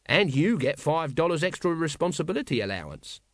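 A man reading an audiobook, voicing a shifty little watchman in a high, whiny, cheeky voice, recorded dry. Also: sing-song, a little fast, no echo. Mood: needling.

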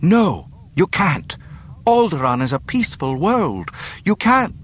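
A man acts out a proud young princess prisoner from a space-opera tale. The voice is lifted above his own and moves widely, with a sharp tongue. There is background noise. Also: on the high side, wildly swooping pitch, normal speed, voice pushed up. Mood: pleading. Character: defiant, contemptuous young princess held captive.

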